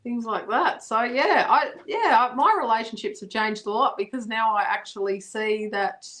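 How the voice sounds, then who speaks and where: A woman co-hosting a live video chat, speaking hesitantly with many pauses and restarts. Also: fairly high pitch, fairly bright tone. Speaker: co-host of a live wellbeing chat.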